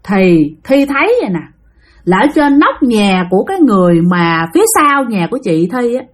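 Husky-voiced woman telling stories. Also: medium pitch, very animated, moderate pace. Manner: chatty, speaks straight to listeners. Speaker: storyteller. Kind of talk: casual spoken ghost story.

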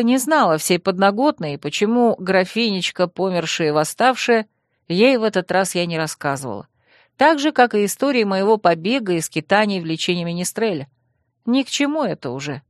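A woman narrating a novel in the first person at an even storytelling pace. Her voice sits at a middle pitch. The recording is dry and close. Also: moderate pace, no echo. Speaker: audiobook narrator.

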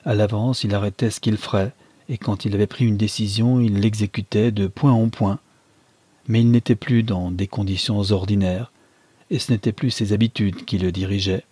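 A man reads a classic novel aloud in a calm, measured storytelling manner. His voice sits low and has a husky edge. The recording is dry and close, with no room sound. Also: no room sound. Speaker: audiobook narrator. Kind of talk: scripted literary narration.

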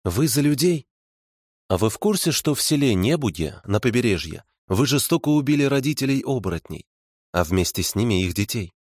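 A man voicing a calm woman investigator who lays out facts softly and pointedly. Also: medium pitch, fairly quick, dry recording, studio quality, voice pushed up.

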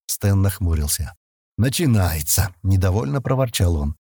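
A man narrates an audiobook in an expressive storytelling manner. His husky voice moves in lively pitch swings. The recording is dry and close, with no room sound. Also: fairly quick, no echo.

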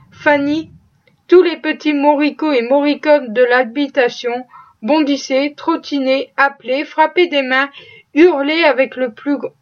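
High-voiced woman reading a novel aloud. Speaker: audiobook reader. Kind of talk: scripted narration. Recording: dull lo-fi recording.

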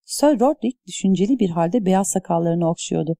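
A woman narrates a story at an even, measured pace. Her voice is warm and mellow in tone, and it is recorded close to the mic in a dry space with no reverb. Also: lowish voice. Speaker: audiobook narrator. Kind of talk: scripted narration.

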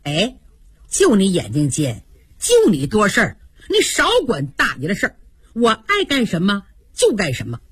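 A vain, petulant young nobleman , as a woman storyteller puts him on, blustering and boastful, his husky voice shooting up high when he rants. Dry, close radio storybook sound. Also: huge pitch swings, moderate pace, no room sound, full character voice.

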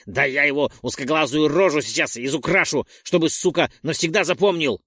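A man's voice: a little high, brisk, pushed and bright, breathy edge, no echo, clean studio sound. A man voicing a crude, hot-tempered man who swears and threatens. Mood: threatening.

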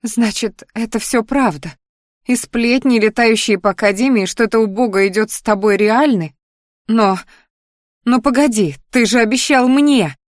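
Woman doing a shrill spurned young girl. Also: moderate pace, no echo, clean studio sound, lightly acted. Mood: hurt, pleading. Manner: shrill, pleading and spiteful.

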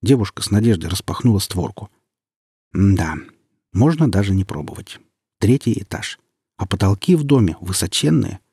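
A man narrating an audiobook in an expressive, lively reading. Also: lowish voice, normal speed, slightly rough, no room sound, studio quality.

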